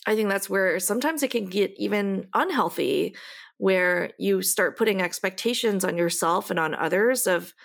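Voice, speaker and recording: A woman co-hosting a casual podcast, talking in a reflective, hesitant way, often pausing with "you know" and "um". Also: medium pitch, creaky. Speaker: podcast co-host. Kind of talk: casual chat.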